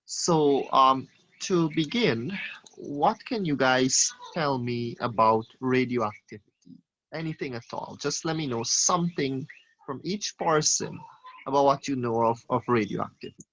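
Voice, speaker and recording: A man's voice: mid-range voice, a little slow, fairly bright tone, dull audio. A male teacher leading an online class over a video call, asking questions and calling on students by name.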